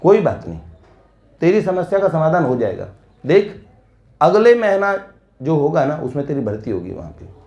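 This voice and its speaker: A man voicing an elderly widowed village mother who calmly reassures her son, in an echoey room. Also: on the high side, moderate pace, pauses often. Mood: reassuring.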